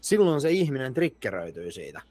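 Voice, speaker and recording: A man's voice: mid-range voice, big pitch swings, warm tone. A man as a podcast guest, talking earnestly and restarting his sentences as he agrees. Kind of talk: casual podcast conversation.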